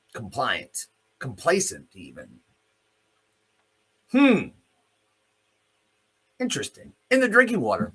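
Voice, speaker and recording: A Canadian man hosts a news commentary show, ranting off the cuff in a medium-pitched voice that's pushed, bright and husky. He's blunt, sardonic and profane, firing off pointed rhetorical questions as he airs his opinions.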